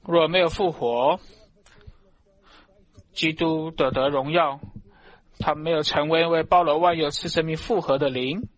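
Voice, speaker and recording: A man delivers a sermon with slow, deliberate pacing. His voice sits a little higher than most men's. He presses each phrase with fervent emphasis, building into loud exclamations of praise. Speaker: preacher.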